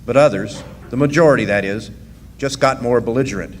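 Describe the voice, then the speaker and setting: A natural mid-range voice, a touch fast, tells the tale of a striking miner in a radio drama staged live in a hall. The plainspoken narrator is wry and matter-of-fact, and the recording has long reverb and faint noise.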